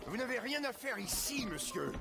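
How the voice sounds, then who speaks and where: A man playing an angry guard in a video game, shouting at a trespasser, with loud music over the voice. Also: extremely high pitch, very animated, moderate pace, creaky, exaggerated voice. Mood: indignant, confrontational. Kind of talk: video game acting, French dub.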